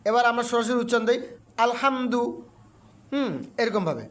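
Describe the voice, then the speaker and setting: A man with a Bangladeshi Bengali accent gives a calm, step-by-step Quran reading lesson. His voice sits high for a man. He sounds out the letters one syllable at a time and repeats them often. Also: a little fast.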